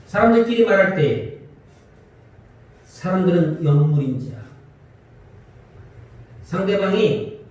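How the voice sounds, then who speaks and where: A man's voice: high voice, takes it slowly, pauses often. A man preaching a Sunday sermon as pastor, asking the congregation questions and acting out quarrels. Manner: lively, asks the congregation questions and acts out quarrels. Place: church sanctuary. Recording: echoey church hall from far off.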